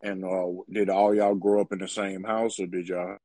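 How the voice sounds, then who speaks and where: A man hosting a podcast, asking loose, relaxed questions with many fillers in a casual interview. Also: sits low, normal speed, no room sound, rough recording. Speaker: podcast host.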